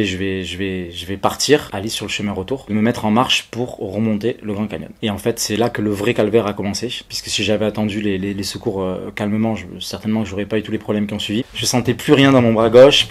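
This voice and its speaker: A man recounting a personal ordeal in casual, colloquial speech, with frequent hesitations and stammered repeats. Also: on the low side. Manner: colloquial, peppers phrases with "et tout". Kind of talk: casual spoken testimony.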